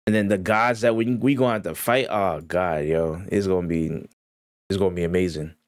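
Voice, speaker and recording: Deep-voiced man rambling excitedly. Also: fairly quick, no echo, studio quality. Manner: excited, slangy, rambling with restarts. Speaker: gaming YouTuber reacting to a trailer. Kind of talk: casual reaction commentary.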